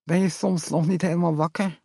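A man's voice: on the high side, steady tone, brisk, creaky, darkish tone, breathy edge, dry recording, studio quality, voice pushed up. A man reading a storybook, voicing a confused mother who has turned into a doe, with a lisping, strange voice. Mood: dazed.

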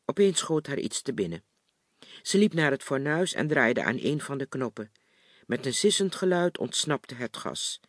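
A man calmly reading a novel chapter aloud in a measured audiobook style. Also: mid-range voice, no echo, studio quality. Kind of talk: audiobook narration.

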